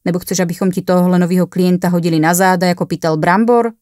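A woman voicing a gruff but friendlier male ambulance driver who speaks in a matter-of-fact way. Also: fairly low pitch, fairly even intonation, a little mellow, no echo, clean studio sound, natural voice.

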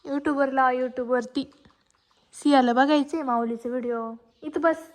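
A woman's voice: high voice, steady tone, a little slow. A woman filming a casual family vlog at home, talking playfully and coaxingly to a toddler. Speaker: vlogger, mother.

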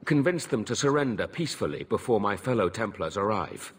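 An actor playing an earnest, stern, honorable knight in a video game, speaking formally and gravely. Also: male voice, lowish voice, very animated, fairly quick, slight background noise.

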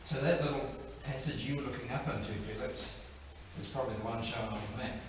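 A man, a caver chatting casually and explaining the routes ahead while exploring deep inside a cave. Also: quick pace. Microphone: action camera carried in the cave. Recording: echoey cave, far from mic, loud noise.

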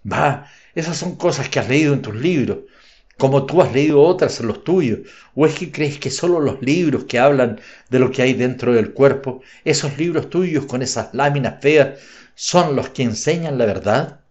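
A man's voice: mid-range voice, animated, normal speed, darkish tone, natural voice. A male narrator voicing a stern, troubled middle-aged father who speaks with bitter sarcasm, in a slightly dull audiobook recording.

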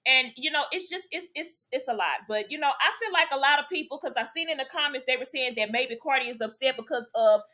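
A woman's voice: high-pitched, fast, few pauses, sharp tone. A woman vlogger chatting sassily through celebrity gossip, calling her viewers y'all and child and tagging her lines with "okay?". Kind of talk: casual gossip commentary.

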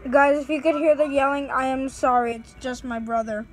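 A woman's voice: high-pitched, steady tone, fairly quick, low-quality recording. A woman giving nervous let's play commentary, sounding scared and pleading with her fans. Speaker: gaming channel host.

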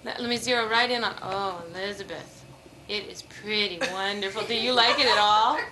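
A woman's voice: mid-range voice, a little fast, sharp tone, slight background noise, rough recording. A mother filming a family home video, chatting and laughing as she narrates from behind the camcorder, recorded on an old VHS tape. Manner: chatty, laughing, cheerful commentary while filming. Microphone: built-in camcorder microphone.

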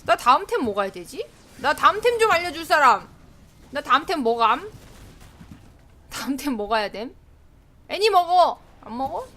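Lively high-voiced woman streaming a game. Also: moderate pace, pauses often. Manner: chatty, talking to herself and teammates, exclaiming often. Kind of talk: live gameplay commentary.

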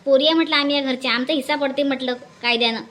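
A woman doing a shrill, defiant village daughter-in-law. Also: fairly even intonation, very fast, a bit bright. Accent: Varhadi Marathi. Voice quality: shrill, scolding. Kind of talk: cartoon voice acting.

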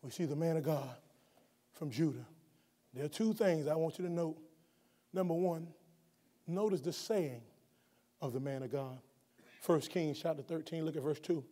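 A middle-aged male guest preacher with a high, bright voice, delivering a sermon from a lectern in a college chapel. He drops to calm teaching, then climbs into shouted emphasis, stumbling and restarting as he goes. The big room adds a long, ringing reverb. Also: normal speed, long pauses. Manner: swings from quiet explanation to shouted emphasis; stumbles and restarts often when speaking off the cuff. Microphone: lectern microphone, wide camera.

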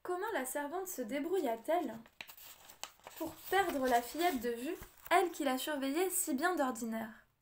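A woman narrates a storybook audiobook in a measured, expressive read-aloud manner. Her voice sits high for a woman. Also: slight background noise. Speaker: audiobook reader.

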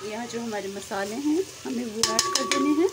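Speaking briskly in a fairly high voice, a woman explains a recipe step by step on her cooking channel. She's friendly, addresses viewers directly, and mixes in English words. It's a noisy phone recording in a home kitchen, with a pan sizzling and frying in the background.

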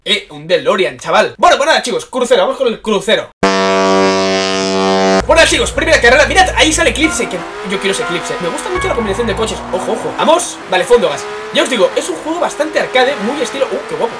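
A man giving excited, casual commentary while playing a racing game. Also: high voice, quick pace, noisy background. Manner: exclaiming, lively, casual slang. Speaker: gaming youtuber. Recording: distant mic with loud game music.

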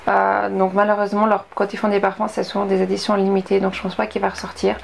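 A young woman from Switzerland talks through her finished beauty products in a relaxed, rambling vlog style. Her mid-pitched voice carries a little fry, and the recording has a faint hiss of background noise. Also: fast. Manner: chatty, many fillers and asides. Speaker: beauty vlogger. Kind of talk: casual product review vlog.

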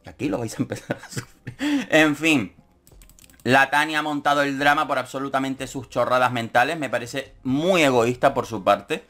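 A man's voice: mid-range voice, fairly bright tone. A man giving camp, sarcastic commentary on a reality show as a YouTuber. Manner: camp, sarcastic, quick jokes. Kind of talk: casual comedic commentary.

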